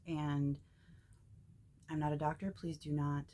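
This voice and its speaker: A woman hosting a spiritual message vlog, talking casually in a halting, tongue-tied way with many pauses and ums. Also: low voice, little pitch movement, dark tone, a little hiss or hum. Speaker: spiritual channel host.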